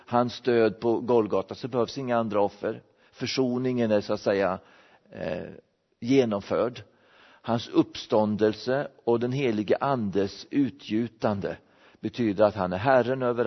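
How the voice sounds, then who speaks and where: A man giving an explanatory Bible-teaching sermon, restarting phrases as he thinks. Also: fairly low pitch. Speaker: preacher. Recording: dull recording in a reverberant hall.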